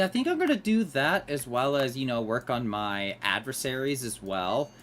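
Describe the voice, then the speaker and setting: A gamer chats casually through a play session and mutters asides while working on the game. The voice is bright and lively in pitch. Faint keyboard typing sits in the background. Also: a little hiss or hum. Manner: chatty, mutters to self while playing. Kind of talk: casual gameplay commentary.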